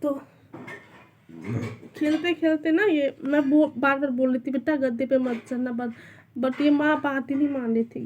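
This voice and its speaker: A woman's voice: high-pitched, a little mellow, a little hiss or hum. A young woman vlogging casually from a small rented room at home, anxiously telling how a scare unfolded. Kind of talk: casual home vlog chat.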